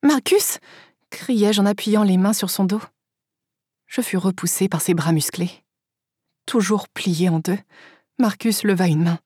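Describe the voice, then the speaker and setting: A woman reading a first-person audiobook aloud, telling the story in a steady, lively way. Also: mid-range voice, a little slow, long pauses, breathy edge, dry recording, studio quality. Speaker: audiobook narrator.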